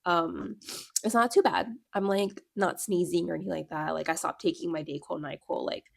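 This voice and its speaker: A young book vlogger with a stuffy nose from a cold rambles casually through a reading vlog, packing in fillers and lots of "like". Her lowish voice is gravelly and moves at normal speed. She's recorded on a clip-on or small personal mic with clean studio sound and no room sound.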